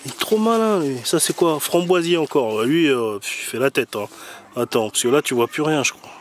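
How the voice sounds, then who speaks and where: A vlogger with a slightly high, animated voice films an overgrown garden outdoors on a handheld camera, whose mic picks up slight background noise. At normal speed, he rambles casually in slang, teasing and mock-complaining.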